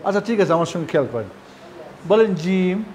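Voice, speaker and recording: Man, from Bangladesh, Quran recitation teacher, high voice, repeats letter sounds, patient. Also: animated, a little fast, a little mellow. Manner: drills Arabic letter sounds by repetition; patient and encouraging. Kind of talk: live recitation lesson.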